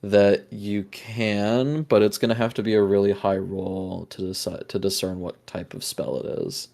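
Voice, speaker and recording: Deep-voiced guy running a d and d game, chill and rambling, lots of ums. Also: steady tone, gravelly, a little mellow. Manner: casual, halting, many fillers. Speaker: game master. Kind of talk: narrating a tabletop game.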